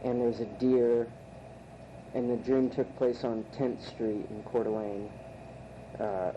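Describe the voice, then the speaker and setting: Zögerlicher junger Mann erzählt nachdenklich. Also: male voice, medium pitch, level tone, takes it slowly. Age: around 30. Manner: hesitant, many fillers and restarts, reflective. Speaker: storyteller. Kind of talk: casual personal storytelling. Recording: muffled tape recording with noticeable hiss.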